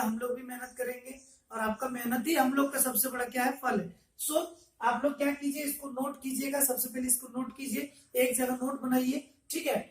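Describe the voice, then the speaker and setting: A man teaching an online language lesson, repeating each example phrase slowly to show the pronunciation. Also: very high voice, a bit bright. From Jharkhand, India. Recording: echoey room, mic at a distance.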